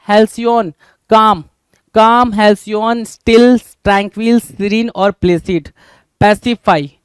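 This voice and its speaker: A man with an Indian accent teaches English words, mixing Hindi and English and asking his class the same question again and again. His voice sits high and sounds smooth and clear. The sound is dry and close, with no room echo. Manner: repeats questions to students, calls them brother. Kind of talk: Hindi-English vocabulary lesson.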